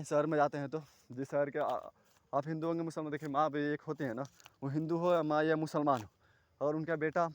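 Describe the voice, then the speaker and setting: A man talking to the camera outdoors at night, far from any houses, rambling and earnest, at times loud and a little scared. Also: on the high side. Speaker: vlogger. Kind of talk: casual talk to camera.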